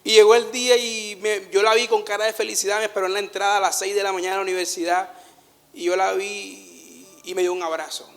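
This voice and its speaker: A man preaching a sermon, telling personal stories in an animated way, laughing at himself and dropping to a hush in tender moments. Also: sits high, quick pace, in a large hall. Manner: animated storytelling, laughs at himself, swings from loud to hushed. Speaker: pastor.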